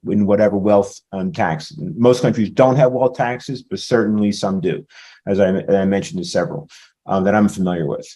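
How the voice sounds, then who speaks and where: A man's voice: fairly low pitch, warm tone. A man on a conference panel answering audience questions, laying out points one by one with frequent fillers. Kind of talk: panel discussion.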